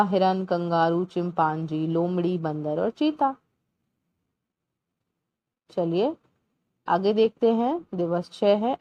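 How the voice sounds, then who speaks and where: A woman teacher slowly walking young children through a Hindi workbook lesson, sounding out syllables clearly one by one. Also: mid-range voice, lo-fi sound. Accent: Indian Hindi.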